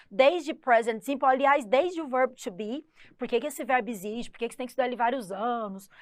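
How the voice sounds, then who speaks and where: A woman with a Brazilian accent gives an exam-prep English lesson in a slightly high voice. She walks through each point and keeps asking her students rhetorical questions. The sound is close and dry. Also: no room sound. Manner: explanatory, asks the class rhetorical questions, calls herself "the teacher". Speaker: English teacher.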